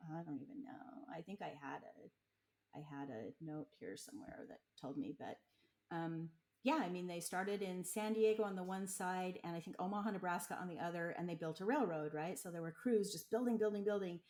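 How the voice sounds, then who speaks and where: Chatty laid-back woman, a bit low. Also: a little fast, a little mellow. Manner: chatty, laughs often, lots of "like" fillers. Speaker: local guest explaining slang. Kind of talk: casual chat.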